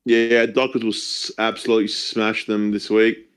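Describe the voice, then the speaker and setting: Low smooth-voiced man on a sports chat. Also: flat delivery, normal speed. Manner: short confident agreeing remarks. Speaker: podcast co-host.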